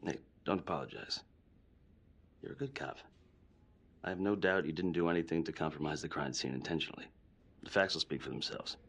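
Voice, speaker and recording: An actor playing a measured, reassuring male police chief talking to his detective in a video game cutscene. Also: a bass voice, a bit bright, breathy edge, full character voice. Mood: steady. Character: stern but supportive male police chief. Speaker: police superior.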